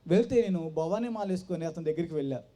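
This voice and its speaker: A man giving his personal testimony at a church gathering, telling his story with animated storytelling and acting out the voices of the people in it. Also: fairly high pitch, fast talker. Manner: animated storytelling that acts out quoted dialogue. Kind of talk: personal testimony told to a congregation.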